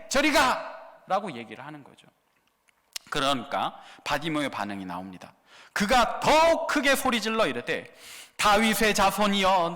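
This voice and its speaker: A man, a pastor, preaching a sermon in a dramatic way with rhetorical questions, swinging from loud to hushed. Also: sits high. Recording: long reverb of a large hall.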